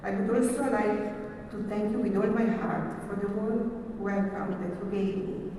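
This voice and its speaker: A woman, a professor giving a formal, measured conference keynote. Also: mid-range voice, warm tone. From Italy. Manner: formal, measured, reading from slides. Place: large conference hall. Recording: echoey hall from far off, faint hiss.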